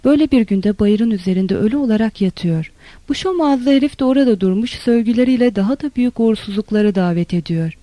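A narrator voicing a cautious, devout lieutenant who speaks in a measured, reasoning way, in an audiobook reading. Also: medium pitch, animated, mellow, no echo, close to an everyday voice. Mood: grim.

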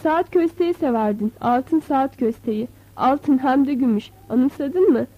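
A frail old nomad man, read by a woman in a storybook, humble and pleading. The reading is high-pitched, dry and a bit dull in sound. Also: lively intonation, measured pace, no room sound. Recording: dull, slightly lo-fi.

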